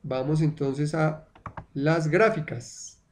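A male English teacher whose first language is Spanish talks through an online lesson. His voice sits slightly high and his delivery is slow and deliberate. He repeats words again and again so learners can drill them. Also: steady tone.

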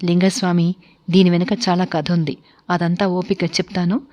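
A woman's voice: on the low side, flat delivery, moderate pace, darkish tone, lightly acted. A woman voicing a stern, cruel-edged wealthy man hosting a dinner, speaking curtly and with command. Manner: curt and commanding. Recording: dull lo-fi recording.

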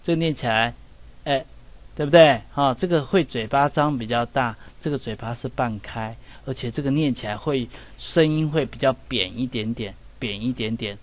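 A middle-aged man giving a relaxed English pronunciation lesson in Mandarin. He talks in a chatty way and keeps asking the class "right?" and "see?". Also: medium pitch, moderate pace, hardly any pauses. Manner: chatty, with many "哈" and "有没有" asides. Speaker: English teacher.

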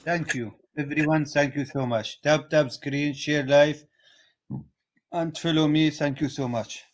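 A young man from North Syria, appealing to livestream viewers in simple, halting English, recorded on a phone at home during a video call. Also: on the high side, fairly even intonation. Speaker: livestreamer asking viewers for support. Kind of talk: live-stream appeal in broken English. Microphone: phone in a live video call.

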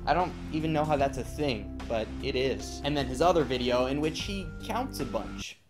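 A man's voice: mid-range voice, animated, normal speed. Jokey young man hosting, music behind. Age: 20s. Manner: rambling, jokey. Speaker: show host. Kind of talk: casual, joking web news presenting. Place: indoors, facing camera, music behind.

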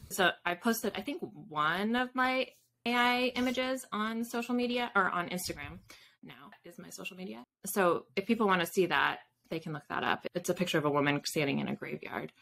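A woman in her thirties, appearing as a guest author, chats casually over a video call from an indoor home room lined with bookshelves. Her voice is on the low side, creaky and a bit bright, at a normal speed, and she explains things in a rambling way full of asides.

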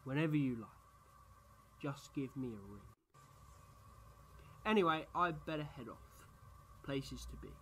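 An actor playing an eccentric, quick-witted time-travelling adventurer in a sci-fi audio drama, theatrical and whimsical. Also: male voice, medium pitch, animated, fairly bright tone, a little hiss or hum, poor audio. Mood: soft, friendly. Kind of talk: science fiction fan audio drama acting.

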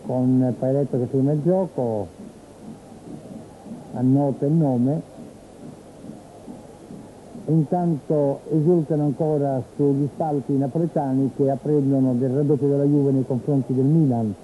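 A man from Italy giving live football play-by-play commentary on television, in a measured, descriptive way with pauses. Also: mid-range voice, fairly even intonation. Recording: tinny phone-like old TV broadcast, noisy stadium. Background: stadium ambience.

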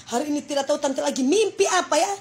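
A woman's voice: sits high, fast. A woman with a Manado Indonesian accent hosting a livestream, thanking viewers for gifts in an effusive, exclaiming way, speaking into a phone. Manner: effusive, exclaiming, breaks into laughter. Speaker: livestream host.

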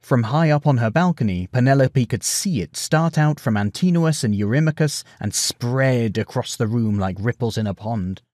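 A man narrating a bedtime story retelling in a measured, expressive way. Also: mid-range voice, dry recording, studio quality.

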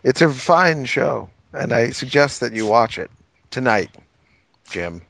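Dry deadpan-ish guy on a podcast, bouncy pitch, dead dry sound. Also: a little slow, vocal fry, no echo. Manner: dry, mock-serious. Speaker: podcast guest. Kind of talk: casual comedic chat.

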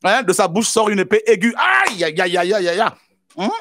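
A man preaching a sermon as pastor, with repeated exclamations and bursts of shouting. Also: high-pitched, animated, normal speed, no room sound, clean studio sound.

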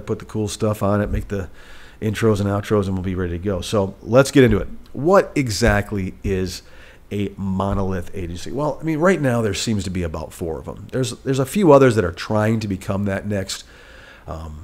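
A middle-aged man with a lowish, slightly mellow voice that sounds stuffed-up and nasal hosts a casual solo podcast from the living room of a rented apartment. He rambles candidly, correcting himself as he goes, into a studio mic mounted on a boom arm.

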